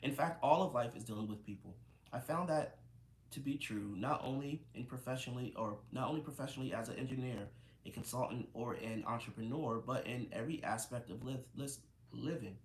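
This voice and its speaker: A man's voice: medium pitch, brisk, a little hiss or hum. A man reading a book aloud, often stumbling over words and correcting himself. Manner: stumbling, self-correcting reader. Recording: roomy echo, faint ambience.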